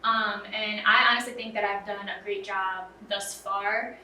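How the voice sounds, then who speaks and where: Speaking in a flat, mid-range voice at a measured pace, this young woman student sounds pushed and bright as she answers interview questions. She's earnest and casual, leaning heavily on "um" and "you know." The mic is distant, and the roomy, off-mic recording has faint ambience and slight background noise.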